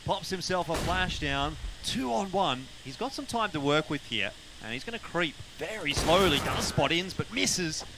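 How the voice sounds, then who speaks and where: A man's voice: on the high side, lively intonation, moderate pace, few pauses. Male esports caster over game gunfire. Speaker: esports play-by-play commentator. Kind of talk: live game commentary. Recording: clear gunfire and game noise behind.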